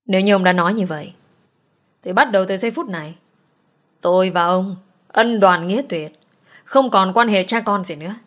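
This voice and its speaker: A woman's voice: mid-range voice, moderate pace, long pauses, close to an everyday voice. A woman reading the part of a defiant young man who coldly stands up to his father in an audiobook. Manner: calm, cutting.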